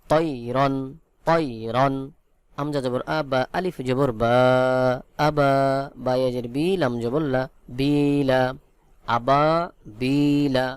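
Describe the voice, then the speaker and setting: A man from Bangladesh with a Bangladeshi Bengali accent, teaching Quran reading by spelling each letter and vowel mark, then reciting the words slowly. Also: medium pitch, darkish tone, smooth, no echo. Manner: slow, drawn-out syllable-by-syllable spelling with chanted recitation.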